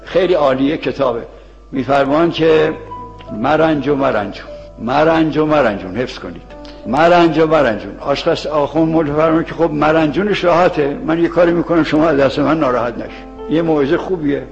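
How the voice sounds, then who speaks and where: Gravelly-voiced male cleric preaching in a hall. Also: on the high side, soft background music. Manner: storytelling, repeats key phrases, quotes scripture. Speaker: cleric teaching ethics to seminary students. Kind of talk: sermon with anecdotes. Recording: dull lo-fi sound with long hall reverb.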